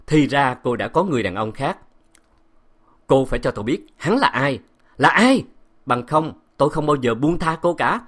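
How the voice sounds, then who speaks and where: A man playing a jealous, cruel husband who shouts harsh commands. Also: mid-range voice, very animated, fairly quick, voice pushed up. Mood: furious.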